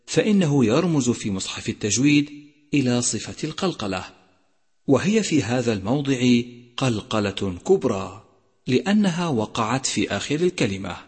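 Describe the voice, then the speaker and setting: A man teaching Quran recitation rules in a measured way, slowly drawing out each example word. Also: medium pitch, husky. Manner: measured, numbered points, slowly drawn-out example words. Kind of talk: instructional lesson. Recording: long hall reverb.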